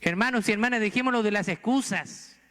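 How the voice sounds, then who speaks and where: This man from Chile preaches with earnest urgency in a church sanctuary, speaking with a Chilean Spanish accent and pressing his listeners with rhetorical questions. His voice sits high and sounds pushed and bright, moving fairly quickly against a long reverb tail.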